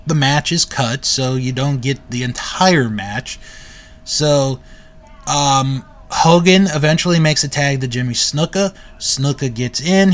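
A man giving a casual, relaxed recap of a video, often correcting himself and filling pauses with "um" and "uh.". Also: medium pitch. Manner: relaxed, self-correcting with frequent fillers. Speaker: video reviewer.

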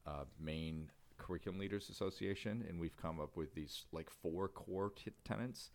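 A man's voice: low-pitched, moderate pace, darkish tone. A man co-hosting an education podcast, chatting casually and rambling a little, often restarting his sentences. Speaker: podcast co-host.

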